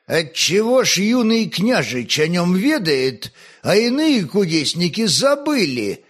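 A man's voice: high voice, very animated, takes it slowly, full character voice. A man reading aloud, voicing an indignant, hook-nosed old sorcerer who speaks out in displeasure. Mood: displeased. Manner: indignant, exclaiming.

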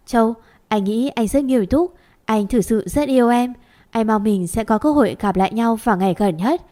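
A woman reading as an earnest young man courting his girlfriend from afar. He pleads tenderly, in a fairly high voice. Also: normal speed, mellow, close to an everyday voice. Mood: pleading.

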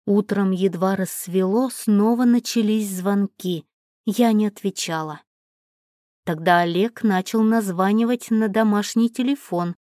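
A woman reading a first-person story aloud in a steady, measured way. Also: mid-range voice, no room sound. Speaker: narrator. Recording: dry close recording.

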